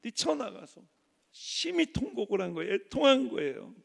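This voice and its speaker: A male pastor preaching a sermon, swinging from loud emphatic lines to hushed soft ones and acting out the people in his story. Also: extremely high pitch, very animated, moderate pace, creaky, in a large hall. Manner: acts out quoted voices in dialogue. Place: church sanctuary.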